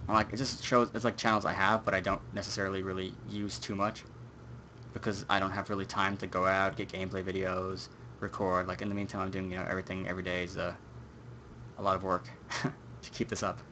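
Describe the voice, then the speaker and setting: A man's voice: deep voice, little pitch movement, brisk, pushed and bright, a little hiss or hum. A young man hosting a gaming livestream in casual chat, rambling with many fillers. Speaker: stream host.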